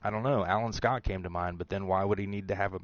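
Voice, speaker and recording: A man's voice: low voice, fairly even intonation, fast, dry recording, lo-fi sound. A man hosting a show, casually talking through his theories about a TV episode, rambling with fillers and restarts. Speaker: show host.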